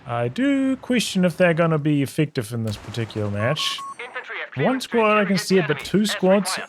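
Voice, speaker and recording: A man giving relaxed, analytical play-by-play commentary on a strategy game replay, thinking aloud as the match unfolds. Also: fairly high pitch, moderate pace, slight background noise. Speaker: game caster. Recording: game battle sounds over the voice. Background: game gunfire and artillery.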